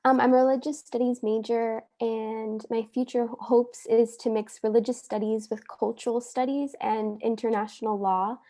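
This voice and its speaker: Woman from miami, higher voice, gravelly fry, earnest friendly intro. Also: little pitch movement, normal speed, hardly any pauses, dark tone. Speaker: undergraduate student. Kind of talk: self-introduction on a video call.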